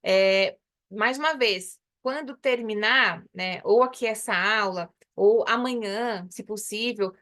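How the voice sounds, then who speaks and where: A woman from Brazil teaching an English lesson, explaining patiently and slowly repeating English phrases. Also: mid-range voice, fairly bright tone. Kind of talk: online English lesson in Portuguese.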